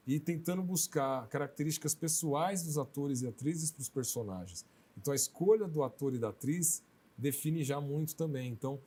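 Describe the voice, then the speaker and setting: Fairly high in pitch, mellow and husky, this male voice belongs to a film director from Brazil, not from Maranhão. He handles an interview in a conversational manner, relating things through little quoted remarks.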